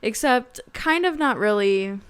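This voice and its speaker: A woman's voice: fairly high pitch, lively intonation, measured pace, background noise. A young woman co-hosting a podcast, chatting casually and hesitantly with lots of "um," tired after a late night out. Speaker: podcast co-host. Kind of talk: casual chat.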